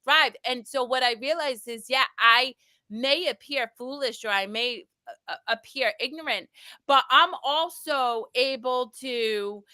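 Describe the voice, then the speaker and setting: A woman's voice: high-pitched, a little slow, pushed and bright, dry recording. A woman speaking earnestly and hopefully in a casual group conversation.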